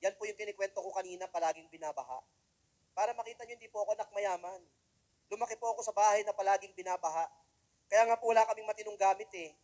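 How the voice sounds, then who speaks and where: A man's voice: sits high, fast, a little mellow, low-quality recording. A young man giving a joking, self-deprecating testimonial speech to an audience. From Philippines. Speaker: motivational speaker.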